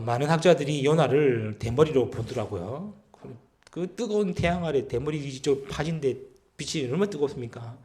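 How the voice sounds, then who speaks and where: A man preaching a Sunday sermon in a church, reading scripture aloud and asking the congregation questions. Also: fairly high pitch. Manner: chuckles to himself now and then. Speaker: pastor. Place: church sanctuary.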